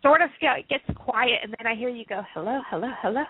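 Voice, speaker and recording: A higher-voiced woman with a husky edge, joking around in casual podcast chat. She sounds tinny and phone-like, dry and close. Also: fast talker, no room sound. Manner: joking and animated, laughs often. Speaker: radio host, podcast guest. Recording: tinny Skype call audio.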